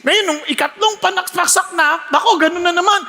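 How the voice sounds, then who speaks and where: A male preacher with a very high, bright voice gives a lively sermon. He moves freely between Tagalog and English and acts out his stories with frequent laughs. His voice echoes with the long reverb of a church hall. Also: normal speed, soft background music.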